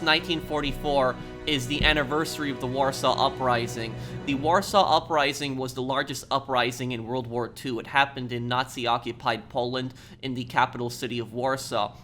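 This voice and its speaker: Here a gaming YouTuber from the United States talks in a mid-range voice that sounds pushed and bright. English is his first language, and he opens a playthrough with casual, earnest explanations.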